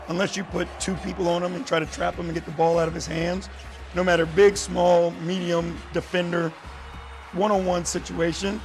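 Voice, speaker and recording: A man, a coach, calmly explaining his team's offense in an interview. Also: high-pitched, soft background music. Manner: measured, explanatory. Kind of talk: interview about team strategy.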